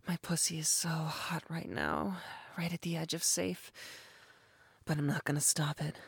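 A woman's voice: low-pitched, creaky, slightly rough, no room sound, full character voice. A woman voicing a dominant, teasing female creature in humanoid form, speaking in a sultry, commanding way and often whispering close to the mic. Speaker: voice actor. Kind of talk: intimate audio roleplay.

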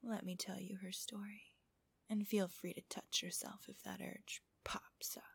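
A woman narrating an adult ASMR audio in a soft, breathy whisper, with a slow, intimate and teasing manner. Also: medium pitch, flat delivery, dry recording. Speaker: host of erotic relaxation audios.

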